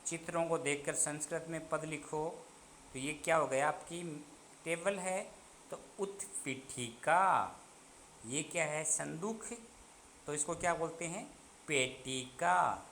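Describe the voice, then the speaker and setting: Man, teacher, slow deliberate lesson, bright voice, asks and answers himself. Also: on the high side, a little hiss or hum. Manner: slow, deliberate drilling of words, questions then answers. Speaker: Sanskrit teacher. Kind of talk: online class lesson.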